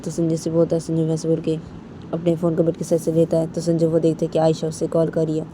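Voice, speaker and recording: A woman's voice: sits low, monotone, fast, noisy background. Woman telling a love story, plain casual retelling, repeats herself a lot.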